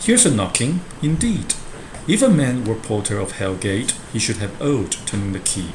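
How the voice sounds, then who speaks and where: A man's voice: lowish voice, lively intonation, normal speed, a little mellow, natural voice. A man reading aloud the part of a grumbling castle porter in a stage play, declaiming and calling out to imagined visitors. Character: grumbling castle porter playing gatekeeper of hell. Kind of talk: dramatic read-aloud of a Shakespeare play. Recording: roomy echo with clear background noise.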